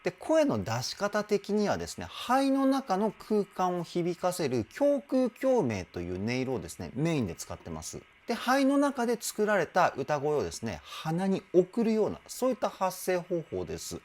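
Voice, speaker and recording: A man working as a vocal trainer, reacting to a music video and explaining singing technique patiently, breaking into excited exclamations between explanations. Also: sits high, normal speed, few pauses.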